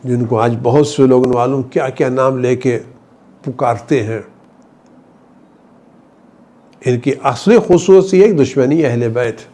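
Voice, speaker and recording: A man delivering a Friday sermon, telling the story with passion, his voice rising high for emphasis, then dropping low and quiet. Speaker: Shia cleric giving a Friday sermon. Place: studio.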